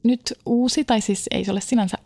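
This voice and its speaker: A woman's voice: fairly high pitch, steady tone, darkish tone, no room sound. A woman co-hosting a casual chat show, telling self-mocking stories and laughing often. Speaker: podcast co-host.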